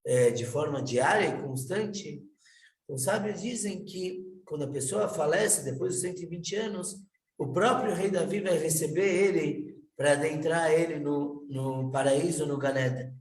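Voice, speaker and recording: A man, a rabbi, tells a story in an unhurried, animated way, stumbling over a word now and then. His voice sits a little high. The recording is echoey and picked up from some distance. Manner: unhurried, animated retelling with halting restarts. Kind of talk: storytelling talk. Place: out and about near kosher shops.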